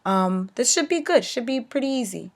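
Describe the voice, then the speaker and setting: A young woman teacher giving a recorded lesson, explaining clearly and checking in with "okay" as she goes. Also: fairly high pitch, animated, moderate pace. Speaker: Spanish teacher.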